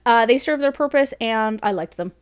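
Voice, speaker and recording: Sitting indoors in a home room lined with bookshelves, a woman in her thirties gives a chatty, casual book review into a studio mic on her desk. Her voice is fairly high and clean, with lively intonation at a normal speed, and she laughs often between thoughts.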